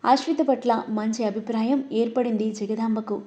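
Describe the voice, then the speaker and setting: Mellow-voiced woman narrating a romance story. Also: on the high side, steady tone, moderate pace.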